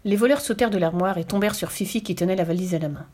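A woman's voice: fairly low pitch, rapid-fire. Woman reading a children's story aloud. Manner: lively, expressive storytelling.

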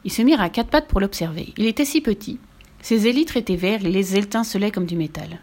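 A woman narrating a children's story with clear, lively storytelling. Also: medium pitch, brisk.

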